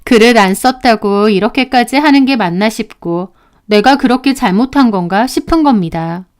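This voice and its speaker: A woman's voice: on the high side, normal speed. A woman narrating a first-person story, indignant and emphatic as she recounts events.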